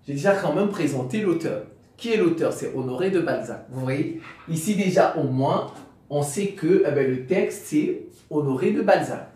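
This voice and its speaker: A man teaching a lesson in a halting, repetitive way, often restarting sentences and speaking directly to his students. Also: a little high, expressive, warm tone. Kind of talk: classroom-style explanation. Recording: very echoey room, mic far off.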